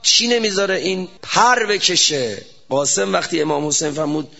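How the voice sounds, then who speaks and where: A man's voice: fairly high pitch, gravelly, sharp tone, highs cut off. A man preaching an impassioned religious sermon, firing rhetorical questions and shifting his pace sharply.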